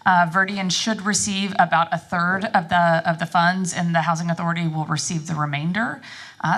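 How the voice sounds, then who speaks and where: A woman presenting as an executive director, giving a semi-formal, halting explanatory briefing to a board. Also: fairly low pitch, fairly bright tone. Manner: halting, explanatory, frequent ums and repeats.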